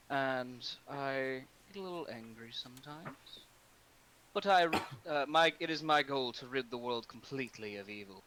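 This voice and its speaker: A man voicing a vengeful angelic paladin who speaks in solemn, halting proclamations. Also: mid-range voice, a bit bright, close to an everyday voice, rough recording. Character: vengeful male angelic paladin, grandly zealous.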